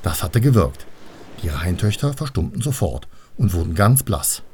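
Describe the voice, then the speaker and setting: A man reading a children's storybook aloud in an expressive way. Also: sits low, normal speed, a little hiss or hum. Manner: expressive, lively. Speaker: narrator.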